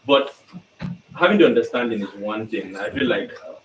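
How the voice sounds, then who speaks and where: A young man with a lowish voice speaks chattily during an audience Q&A. He is far from the mic in a big, echoey lecture hall with a faint hum. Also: expressive, brisk. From Nigeria. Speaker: graduate business student asking a question.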